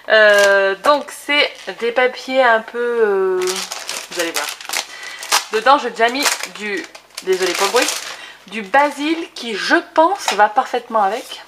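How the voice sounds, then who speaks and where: A woman's voice: a little high, noisy background. A woman hosting a casual scrapbooking tutorial, chatty with many fillers as she shows her papers. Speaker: crafting video host.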